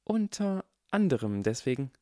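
A man's voice: medium pitch, sing-song, normal speed, warm tone, no room sound, clean studio sound, voice pushed up, lightly acted. A man voicing a wry mother who teases her son in mock-serious tones. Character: wry, teasing mother with a dry humor. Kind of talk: audiobook character reading.

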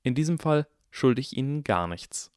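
A man's voice: mid-range voice, lively intonation, moderate pace, no room sound, clean studio sound, voice pushed up, close to an everyday voice. A man voicing a clever eleven-year-old boy who talks in a cold, icy and precise way in an audiobook.

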